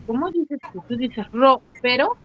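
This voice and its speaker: Over slightly muffled video-call audio from a computer mic, a woman teaches an online class in a slightly high, expressive voice at an unhurried pace. She quizzes her pupils and draws out syllables to stress points.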